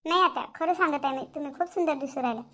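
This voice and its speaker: A sweet, eager young daughter-in-law in a cartoon comedy, voiced by a woman. Her voice is very high and quick. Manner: eager, flattering.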